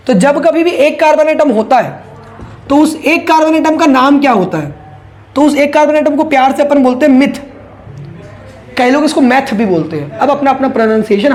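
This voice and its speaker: A man's voice: very high-pitched, slight background noise. A man teaching a chemistry class in a casual lecture style, asking rhetorical questions, answering them himself and repeating key points.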